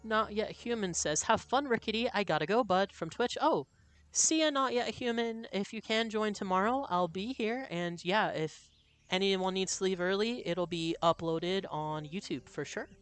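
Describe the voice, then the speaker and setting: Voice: mid-range voice, measured pace, a bit bright, smooth. A game streamer chatting casually and reading out viewer comments in an easygoing way.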